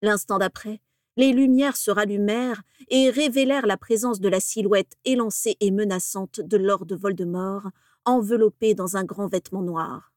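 A woman narrating a story in a measured, steady audiobook reading. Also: medium pitch, no echo, clean studio sound.

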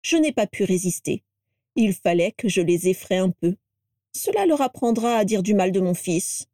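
A woman reading a storybook aloud and voicing a sly, mischievous witch who speaks with calm confidence. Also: medium pitch, normal speed, no echo, clean studio sound, close to an everyday voice.

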